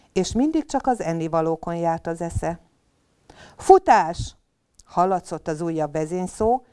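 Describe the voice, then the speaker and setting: Woman, storyteller, children's tale reading, expressive, lowish voice, mellow. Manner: lively, expressive storybook delivery.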